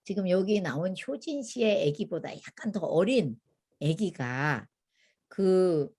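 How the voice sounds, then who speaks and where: An older woman teaching a church parenting class, telling stories in a lively way and acting out what people said. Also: lowish voice, slow pace, husky. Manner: lively storytelling, acting out quotes. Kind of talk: church parenting lecture with anecdotes.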